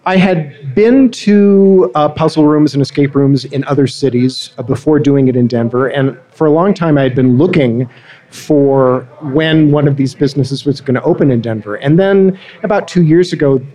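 A man's voice: medium pitch, moderate pace, mellow. A man answering interview questions as a guest, friendly and explanatory, often restarting his sentences. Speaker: guest, marketing director.

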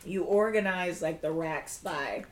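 A woman co-hosting a casual podcast chat, speaking in a mostly deadpan way. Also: lowish voice, unhurried, slight background noise. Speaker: podcast co-host. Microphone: studio microphone.

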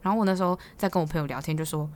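A young Taiwanese-accented woman rattles through a casual podcast monologue at a brisk clip. Her voice sits a little low, and she teases freely and laughs easily as she tells her stories. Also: darkish tone, slight background noise. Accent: Taiwanese Mandarin. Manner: chatty, teasing, quick to laugh. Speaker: podcast host.

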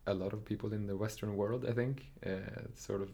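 Talking a little fast, this young Norwegian dancer recounts his story in a relaxed, casual interview as the guest. His low voice has a gravelly fry, and his delivery is thoughtful yet hesitant, packed with fillers and self-corrections.

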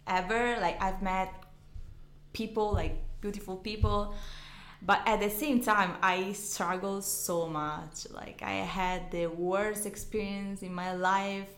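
A young woman from Ecuador, a guest YouTuber, chatting in a soft, hesitant way that trails off quietly. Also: mid-range voice. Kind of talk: casual interview chat. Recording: echoey room.

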